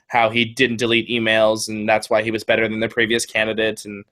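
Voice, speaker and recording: A man's voice: on the low side, monotone, fairly quick, a bit bright. A man co-hosting a casual political podcast, chatty and telling stories with acted-out quotes. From California. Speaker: podcast co-host.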